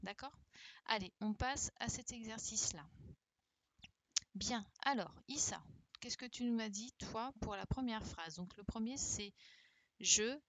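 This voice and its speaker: A woman's voice: medium pitch, dry recording. Patient woman teacher running an online class. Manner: patient and encouraging, often checks with "d'accord?"; spells out word endings letter by letter. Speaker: primary school teacher. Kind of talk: online class, correcting exercises with pupils. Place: home, virtual classroom.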